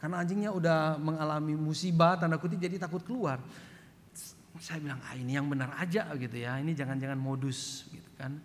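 Pastor guy from flores preaching, kinda high voice, long echo in the church, faint rumble behind. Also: fairly even intonation, a little fast. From Flores, eastern Indonesia. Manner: storytelling, acts out shouted quotes, frequent "gitu ya". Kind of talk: sermon. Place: church hall.

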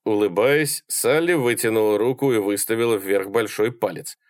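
A man narrating a short story in a lively, dramatic reading. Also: fairly low pitch, normal speed, no room sound, studio quality. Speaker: audiobook narrator. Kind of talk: scripted narration.

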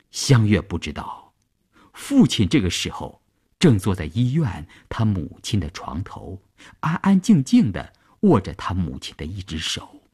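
A man narrating a radio serial in a measured, expressive storytelling manner. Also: sits low, breathy edge.

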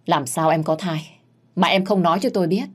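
Woman reading a young master, low husky voice, stern and questioning. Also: brisk. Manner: serious, questioning. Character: young master of the house, stern then gentle.

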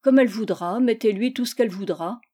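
Lady reading as a gruff doting dad, blustery, mellow dark tone. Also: fairly high pitch, fairly quick, lightly acted. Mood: blustering. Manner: blustering, indulgent. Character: doting, gruff aristocratic father.

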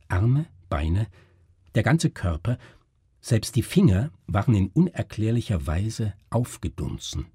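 A man narrates a literary tale in slow, measured sentences. His low voice is husky and breathy, with lively melody. The sound is close and dry. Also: no room sound. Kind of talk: literary audiobook reading.

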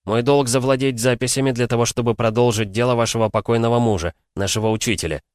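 A man's voice: mid-range voice, steady tone, fast, no echo, clean studio sound, pitched above the performer's own voice, lightly acted. Sly, insistent investigator, read by a man. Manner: persuasive, pressing. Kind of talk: audiobook character voice.

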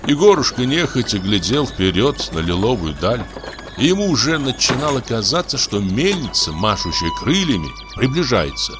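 A man narrating a classic story in an expressive, storytelling manner over background music. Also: medium pitch, moderate pace. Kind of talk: scripted audiobook narration.

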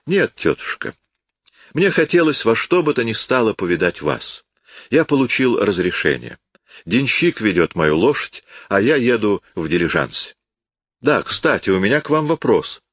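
Give me a man playing a self-assured young officer with a breezy, lightly mocking manner in a low voice. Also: very animated, normal speed, a bit bright, no room sound, studio quality. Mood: eager. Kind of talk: audiobook character voice.

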